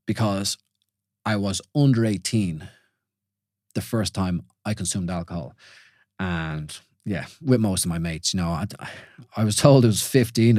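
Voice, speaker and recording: In his forties and from Ireland, this podcast host talks over ideas alone in a reflective, informal way, often restarting and asking listeners "you know?" His voice is low and a little mellow, with studio-quality sound and no echo.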